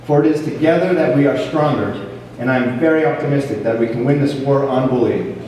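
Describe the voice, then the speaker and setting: Speaking fairly quickly in a medium-pitched, darkish voice, a man delivers a sincere, formal prepared address as a police officer heading a program. The setting is a school ceremony in a big hall full of echo. He's picked up from far away, with faint noise.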